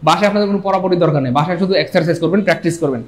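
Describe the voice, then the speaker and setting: A male English grammar teacher giving a live online class, animated and joking, and urging viewers to comment. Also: high-pitched, racing.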